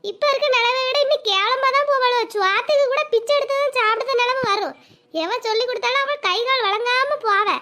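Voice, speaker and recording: A woman voicing a quarrelsome, sharp-tongued village wife who wails and curses. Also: extremely high pitch, brisk. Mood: wailing curses. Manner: wailing, scolding, cursing. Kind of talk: cartoon voice acting.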